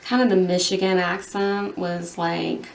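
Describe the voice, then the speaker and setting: A woman's voice: on the low side, flat delivery, measured pace, vocal fry, a little hiss or hum. A young woman chatting casually as a beauty vlogger while painting her nails, rambling along with lots of fillers.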